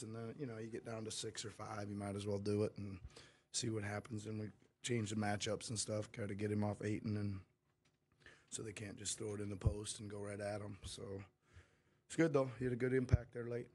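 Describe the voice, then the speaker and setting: Speaking a little fast in a fairly low, level voice, a middle-aged head coach rambles through frank answers at a post-game press conference, often restarting. He sits in the press room in front of a sponsor backdrop with a table mic before him.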